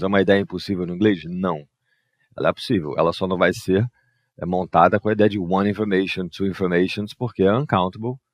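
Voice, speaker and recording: A man's voice: low voice, no echo, studio quality. A man, patiently explaining exercise answers as an English teacher and often adding "né" and "ó". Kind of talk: explaining exercise answers over a screen share.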